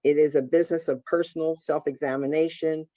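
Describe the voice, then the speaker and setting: A woman hosting a panel, introducing the speakers in a deliberate way with frequent fillers and repeated words. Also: deep voice, steady tone, dark tone, no echo, dull audio. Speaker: panel host, managing partner.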